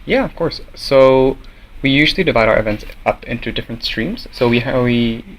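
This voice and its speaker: A young man from Norway, a student association president, answering interview questions in a measured way with many fillers and restarts. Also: medium pitch, poor audio. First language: Norwegian. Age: young adult.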